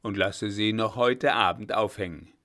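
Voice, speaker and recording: A blustering old field marshal with a loud, booming, scolding voice, as a male reader puts him on. He is gruff and quick to anger in this storybook reading, his tone low and settled underneath the bluster. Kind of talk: audiobook reading.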